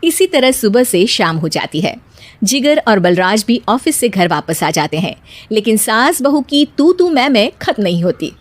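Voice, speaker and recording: A woman's voice: fairly high pitch, sing-song, normal speed, no room sound. A woman narrating a scripted cartoon storybook tale as its storyteller.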